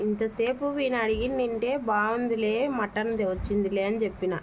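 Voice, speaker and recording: A woman acting as a prank caller explains things in a casual phone conversation, her voice a little high, steady in tone, and slightly fast. The call sounds a bit muffled, with faint noise.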